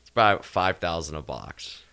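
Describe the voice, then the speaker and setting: A man's voice: sits low, lively intonation, moderate pace, vocal fry, bright, forceful tone, clean tone. A man in casual chat, explaining things in a matter-of-fact way.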